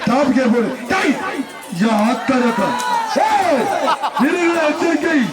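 A man announcing live at an outdoor bull-taming event through a loudspeaker, excitedly calling out bull names and shouting warnings to the tamers. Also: very high voice, unhurried. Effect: through a loudspeaker system. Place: outdoor festival arena. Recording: echoey loudspeaker from far off, loud crowd. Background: loud cheering crowd and noise.

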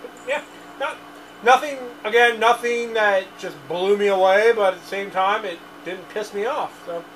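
A man in his thirties co-hosts a casual beer review at a basement bar, goofy and prone to loud outbursts. His voice sits high for a man. He is heard from across the room through a distant camera, with a faint hiss. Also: normal speed. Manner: goofy, blurts out lines and song bits. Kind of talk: casual chat. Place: dim basement bar, indoors. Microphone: far camera.

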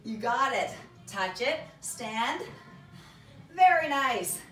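A woman's voice: a little high, lively intonation, slow, a bit bright. A middle-aged woman working as a fitness instructor, giving encouraging, short clipped cues and counts as she leads a workout. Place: small carpeted home exercise room, indoors. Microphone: camera across the room. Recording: echoey room, distant mic, background music.

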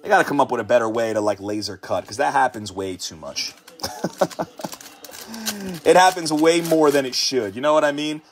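A man's voice: mid-range voice, lively intonation, a little hiss or hum. A man hosting a live sports card break, hyped and chatty, calling out each card as he pulls it and hyping the viewers. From United States. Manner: hyped, repetitive catchphrases, rapid card call-outs.

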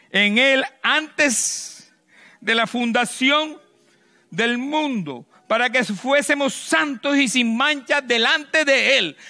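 A middle-aged man preaching a sermon into a handheld mic on a church stage, swinging between loud emphatic bursts and hushed low lines. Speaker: pastor.

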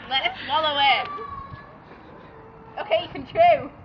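A woman's voice: high voice, takes it slowly, distant mic. A young woman in casual, teasing chat with friends outdoors. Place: outdoors on pavement among friends. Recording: dull lo-fi, loud outdoor noise and chatter.

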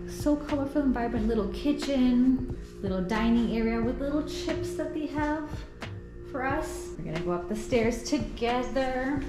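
A woman's voice: sits high, lively intonation, reverberant, over music. A woman vlogger chatting delightedly as she shows off a rented apartment indoors. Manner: chatty, delighted, quick asides. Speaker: travel vlogger. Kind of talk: casual tour narration.

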